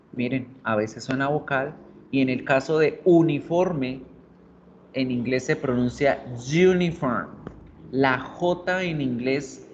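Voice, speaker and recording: A man teaching English in Spanish, patiently repeating example words for his class. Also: medium pitch. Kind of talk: online class explaining English grammar in Spanish. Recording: dull audio with faint noise.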